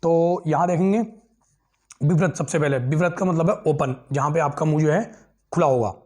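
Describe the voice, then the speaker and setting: Guy teaching a grammar class, voice on the higher side, keeps asking then answering his own questions, says everything twice. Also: normal speed, mellow. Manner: asks questions and answers them himself; repeats key terms and checks understanding. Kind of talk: exam-prep grammar lesson.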